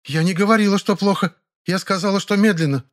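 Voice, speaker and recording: A stern, indignant office woman from a storybook, pitched well up and snapping out her words, as a male narrator puts her on. She scolds sharply and speaks with clipped severity. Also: fast talker, close to an everyday voice. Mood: defensive. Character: strict scolding middle-aged office woman.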